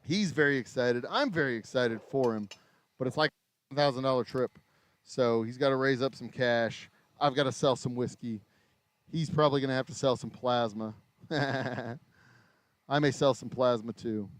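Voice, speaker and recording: Livestreaming casually from his small craft distillery shop as he works, an American man in his forties rambles, breaks off mid-thought and swears mildly. His medium-pitched voice moves at a moderate pace and has gone a little raspy after hours of talking, in a dry recording.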